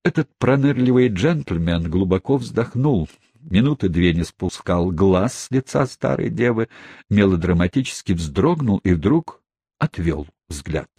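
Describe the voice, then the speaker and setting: A man narrating an audiobook in a measured, even storytelling manner. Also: lowish voice, breathy edge, dry recording, studio quality. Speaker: audiobook reader.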